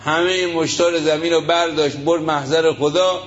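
A man's voice: fairly high pitch, steady tone. A man preaching a sermon, emphatic, asking rhetorical questions and retelling stories with acted quotes. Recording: lo-fi muffled recording.

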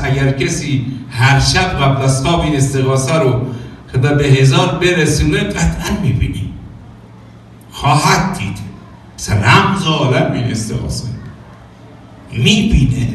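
A man's voice: a little high, slight background noise. A man preaching a sermon, telling stories and acting out quoted dialogue with sung phrases. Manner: animated, acts out quoted dialogue, sings some phrases. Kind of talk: religious sermon with storytelling. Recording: echoey hall from far off.

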